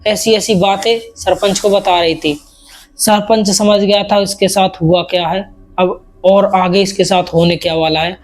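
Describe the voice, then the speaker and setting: High-voiced man telling a ghost story. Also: fairly even intonation, a little slow. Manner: unscripted retelling with restarts and quoted dialogue. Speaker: horror storyteller. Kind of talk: casual spoken storytelling.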